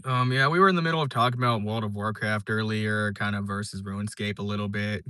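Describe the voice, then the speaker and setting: A young man live streams, casually chatting and reading viewer comments in a laid-back, rambling way with lots of fillers and restarts. His lowish voice is sharp yet smooth, steady in tone and quick in pace, captured as a dry, studio-quality recording.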